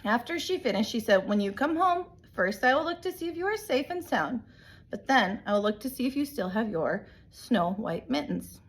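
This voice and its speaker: A woman reading a picture book aloud in an animated, emphatic way, like a teacher telling a story to young children. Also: a little high, normal speed. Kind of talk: expressive storybook read-aloud.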